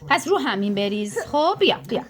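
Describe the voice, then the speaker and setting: A woman's voice: on the high side, big pitch swings, heavy background noise. An older woman cooking pancakes with her granddaughter in a home kitchen, chatting and coaxing her in a doting way. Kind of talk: casual cooking vlog.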